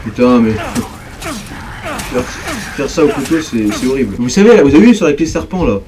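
A young man commenting on a horror game as he plays, jumpy and excitable, talking straight to his viewers. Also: medium pitch, moderate pace, a crowd in the background. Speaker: gaming video creator. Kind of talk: let's play commentary.

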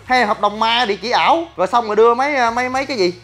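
A man, a gym business owner ranting to his viewers in a blunt, crude and animated way and often asking "right?". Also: very high voice, very fast. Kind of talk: casual ranting talk to viewers.

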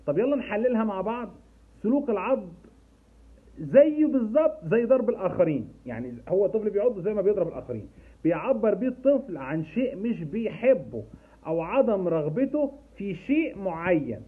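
Egyptian male specialist, patient explainer who repeats key points; husky voice, phone-band sound. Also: high-pitched, sing-song, fairly quick, phone-quality sound. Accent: Egyptian Arabic. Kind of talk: explanatory talk to parents.

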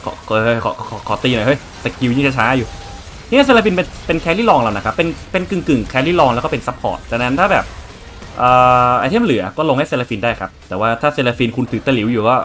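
A man's voice: mid-range voice, sing-song, fast talker, fairly bright tone, a little hiss or hum. A young man casually commenting on his strategy game as he plays, chatting to viewers and swearing freely. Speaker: game streamer.

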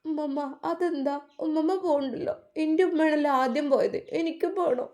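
A woman's voice: high-pitched, a little fast, darkish tone, voice pushed up, lightly acted. A woman voicing a small grieving girl who sobs and begs. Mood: tearful pleading. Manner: sobbing, begging.

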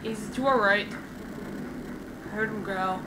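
A woman's voice: medium pitch, measured pace. A woman playing a horror game with friends, chatting casually in a scared, jumpy way with repeated exclamations. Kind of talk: casual co-op gaming chat. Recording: very noisy room recording.

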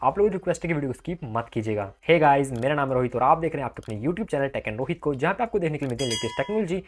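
Rapid-fire and expressive, this mid-range male voice belongs to a tech channel host in his twenties. Recorded on a clip-on lapel mic, he explains things step by step in a chatty vlog that shifts between camera and screen tutorial, sprinkling in frequent tag phrases.

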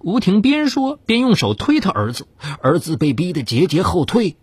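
Male storyteller, very husky breathy voice, wildly swinging pitch, dry close sound. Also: huge pitch swings, normal speed, no room sound. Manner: theatrical, swings of pitch for suspense. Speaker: narrator. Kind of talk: dramatized true-crime story narration.

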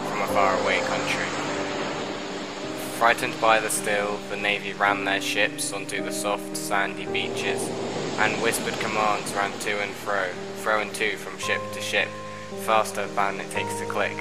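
A young man reciting his own spoken-word epic in a measured, rhythmic way, with a recurring refrain. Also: lowish voice, flat delivery. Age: young adult. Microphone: close mic, audio overdubbed. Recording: voice over loud backing music. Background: loud music bed.

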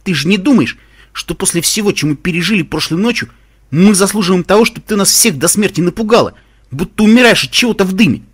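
A man reading an audiobook, voicing a hot-tempered, protective young male pegasus who shouts when he scolds. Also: on the high side, very animated, fairly quick, breathy edge, heavily acted. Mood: angry.

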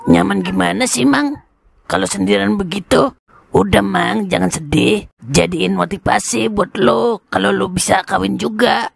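A voice actor playing a cheeky young boy in an animated drama, mocking an older man. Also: mid-range voice, measured pace, gravelly.

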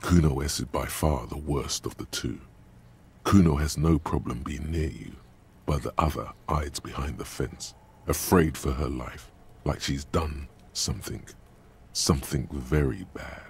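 A man voicing the stern inner narrator of a detective video game, speaking in a grave, measured, coaching way. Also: a bass voice, creaky, breathy edge, heavily acted. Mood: calm coaching.

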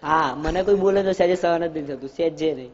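A man's voice: on the high side, fast. A young man from the audience, earnestly asking a teacher questions and sharing his own experiences. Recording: dull audio with faint noise.

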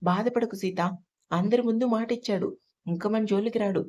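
A woman's voice: medium pitch, moderate pace, a little mellow, natural voice. A woman voicing a reassuring young man.

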